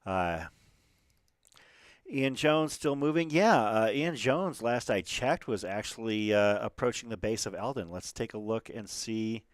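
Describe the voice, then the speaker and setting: A man's voice, low and clean, recorded dry and close with no room sound. He commentates a live stream in a loose, chatty way. He keeps stumbling into fillers and restarts. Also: expressive, measured pace, dry recording. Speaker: livestream race commentator.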